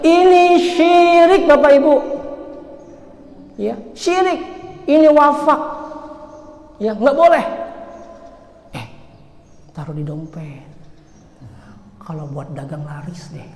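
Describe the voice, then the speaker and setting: A man gives a casual sermon, addressing the congregation directly and joking with them as he goes. His emphatic points ring out loud, while his asides drop almost to a murmur. The recording is roomy, with a long reverb tail from the hall. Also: very high voice, animated, slow, long pauses. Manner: chatty, addresses listeners directly and jokes with them; swings between loud emphatic and quiet asides. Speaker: preacher.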